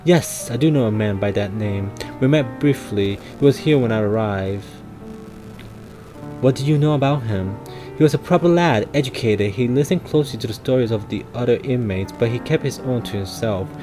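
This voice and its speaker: A man's voice: medium pitch, moderate pace, over music, lightly acted. A man voicing a guilt-ridden former army soldier, reading his game lines aloud in a plain, somber, confessional way.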